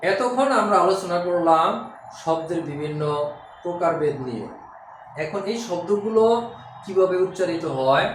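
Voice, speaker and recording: A man takes students through a grammar lesson with a fairly high voice. He explains patiently and step by step, sounding out syllables one by one. The room rings with heavy echo. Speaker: English teacher. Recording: very echoey room.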